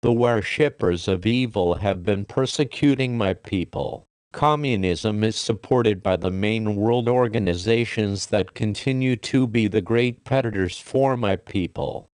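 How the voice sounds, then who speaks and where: A grave male reader with a lowish, smooth, resonant voice delivers a religious message in a measured, solemn cadence. He slows down for the scripture references, and the recording is dry and close. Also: a little mellow, dry recording.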